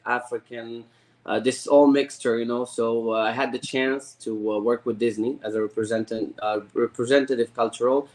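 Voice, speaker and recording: Halting, eager man from Morocco. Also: medium pitch. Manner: halting, repeats words, eager. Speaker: guest. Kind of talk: casual interview.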